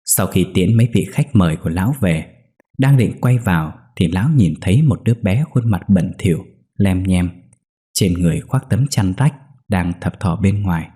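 A man narrating a ghost story in a steady, measured way. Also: sits low.

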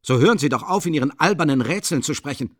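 A man's voice: fairly high pitch, lively intonation, fast, no echo, clean studio sound, voice pushed up. A man reading an audiobook, voicing a pompous middle-aged man who is flustered and defensive, blustering back at an accuser.

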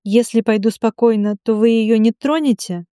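A woman reading the lines of a frightened captive mother who pleads quietly. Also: a little high, normal speed, clear, resonant tone, no room sound, clean studio sound, natural voice. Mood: pleading.

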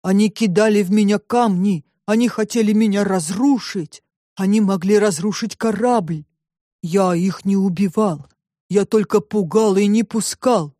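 A woman voicing a dutiful, stubborn ship's robot in an audiobook, speaking slowly and evenly. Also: mid-range voice, no echo, studio quality, lightly acted. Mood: plodding. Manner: slow, measured, flat report-like speech.

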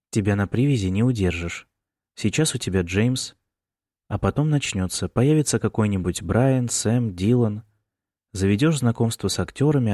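A man voicing an anxious middle-aged mother who speaks quietly and with strain. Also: mid-range voice, no room sound, clean studio sound, close to an everyday voice.

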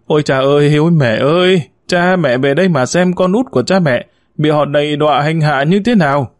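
A man voicing a spoiled, demanding young man who wails loudly in a high voice, read as part of a spoken story. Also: expressive, unhurried, no echo, clean studio sound, natural voice. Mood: wailing. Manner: wailing, high and loud.

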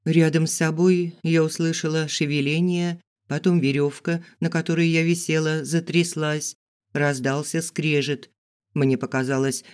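A man narrates an adventure story in the first person with measured, expressive storytelling. His voice sits somewhat high for a man, unhurried and smooth. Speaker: audiobook reader.

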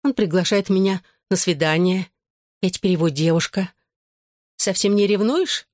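A woman's voice: on the low side, moderate pace, a little mellow, no echo, clean studio sound, close to an everyday voice. An audiobook reader voicing a jealous, pushy young woman who snaps, whines and pleads. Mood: pleading, spiteful. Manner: whining, snapping and pleading. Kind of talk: audiobook character voice.

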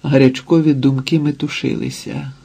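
A man narrating a literary audiobook in a measured way, with dramatic pauses. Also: mid-range voice, steady tone, gravelly, dark tone, breathy edge.

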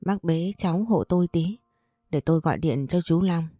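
A woman's voice: on the low side, normal speed, mellow, no room sound, studio quality, close to an everyday voice. A woman doing a panicked old housemaid. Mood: urgent. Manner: panicked wailing cries. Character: frightened older female housemaid.

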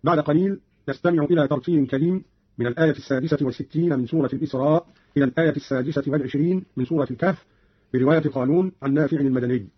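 Male radio presenter, formal and exacting, quick husky delivery, lo-fi broadcast sound. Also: fairly high pitch, dry recording. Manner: measured, precise, scholarly delivery. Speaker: radio presenter explaining reading variants. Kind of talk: formal explanatory narration. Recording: dull lo-fi radio recording.

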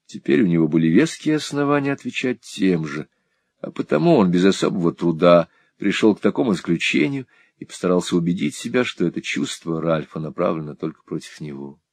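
Male audiobook narrator, low, husky, dry close recording. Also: expressive, a little fast, darkish tone, dry recording.

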